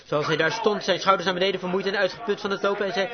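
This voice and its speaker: High-pitched man preaching hard, emphatic, muffled old tape, congregation in the room. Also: fairly even intonation, rapid-fire, a crowd in the background. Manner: emphatic, rising to exclamations. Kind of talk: fervent sermon. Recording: lo-fi recording with live congregation.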